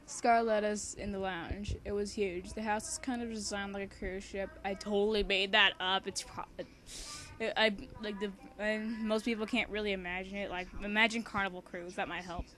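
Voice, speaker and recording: An amateur fan fiction reader and co-host, this young woman reads a story aloud in a casual, homemade manner. Excitable and giggly, with a medium-pitched voice, she moves easily back and forth between the text and chatty asides.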